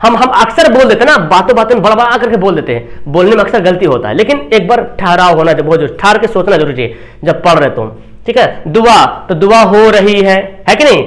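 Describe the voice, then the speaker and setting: A man teaching a grammar class online, who explains slowly, repeats example sentences and keeps checking with the students. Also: high-pitched, lively intonation, a bit bright.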